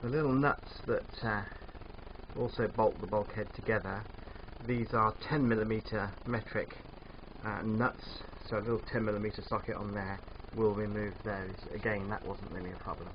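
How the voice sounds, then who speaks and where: An older man with a thick, sore, swollen-sounding throat, narrating a casual DIY vlog in a hesitant, unhurried way. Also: fairly low pitch, fairly even intonation. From England. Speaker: DIY van converter presenting. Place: in and around a van. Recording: dull muffled sound, background vehicle noise.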